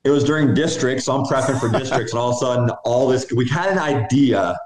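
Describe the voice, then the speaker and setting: A man's voice: mid-range voice, fast, a little mellow. A man, a basketball coach, answering interview questions in an upbeat, rambling way over a video call. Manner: upbeat, rambling, restarts sentences. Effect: heard over a video call. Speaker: basketball coach and club program director. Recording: roomy video call audio.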